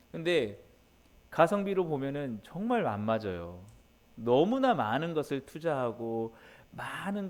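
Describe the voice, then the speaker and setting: A man's voice: medium pitch, darkish tone. A male pastor delivers an early-morning sermon in a mid-range voice. His delivery is emphatic but conversational, with frequent filler sounds. He keeps turning to speak straight to his congregation. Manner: emphatic, often turns to address the congregation directly.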